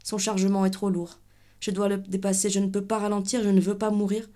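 Woman reading intense prose, low-key. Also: level tone, dark tone. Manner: measured, intense delivery in short clipped phrases. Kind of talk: dramatic literary reading.

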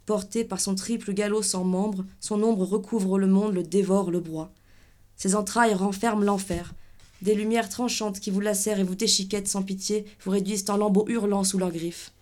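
A woman giving a dramatic literary reading, with an intense, measured delivery in short clipped phrases. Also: mid-range voice, mellow.

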